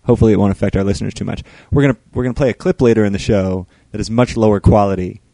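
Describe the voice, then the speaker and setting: A man co-hosting a casual podcast, his voice hoarse and gravelly from shouting. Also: on the low side, rapid-fire, dry recording. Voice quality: gravelly, frog in the throat. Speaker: podcast co-host.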